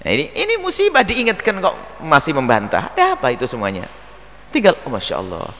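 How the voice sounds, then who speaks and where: Lively preacher man in echoing hall. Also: a little high, quick pace. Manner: lively, acts out dialogue, playful asides. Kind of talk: religious lecture. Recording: long reverb hall.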